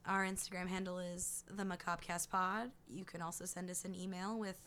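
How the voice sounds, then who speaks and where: A hoarse woman with vocal fry, co-hosting a podcast in rambling, filler-heavy casual chat. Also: on the low side, level tone, normal speed, fairly bright tone, slight background noise. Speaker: podcast co-host.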